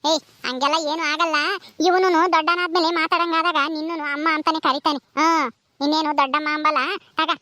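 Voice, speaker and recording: A bossy village woman, acted by a woman, lectures a younger wife and tells her what to do. Her voice is very high and bright, and she talks in a firm, scolding way. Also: flat delivery, brisk, dry recording. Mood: lecturing. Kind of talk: village family drama acting.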